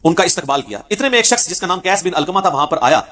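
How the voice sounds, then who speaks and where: A man giving a religious lecture on hadith, telling the stories vividly and acting out the quoted speech. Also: high voice. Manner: animated storyteller who acts out quoted speech. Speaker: Islamic preacher.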